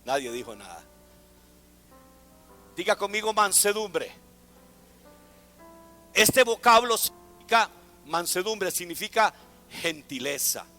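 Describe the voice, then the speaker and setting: A man's voice: high-pitched, sharp tone, big-room sound. A man preaching a sermon to a congregation, asking them to repeat words after him. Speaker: pastor. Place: church.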